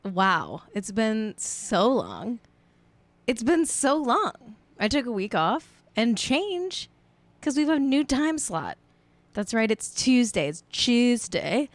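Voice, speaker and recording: A woman's voice: on the high side, slow, no echo. A woman hosting a casual comedic live stream, riffing playfully with her chat. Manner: playful, riffing, animated jokes. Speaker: host.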